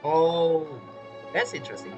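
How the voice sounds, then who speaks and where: Over a game playthrough, a streamer offers casual, joking commentary packed with teasing asides and non-native phrasing. The voice is mid-range at a measured pace, the sound is lo-fi, and video game music plays behind it.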